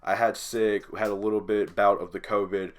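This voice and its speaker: Man, stuffy nose, lowish voice, wrestling game commentary, hype play-by-play calls. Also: flat delivery, normal speed. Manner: hype play-by-play caller, rising loud on big moves. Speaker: channel host.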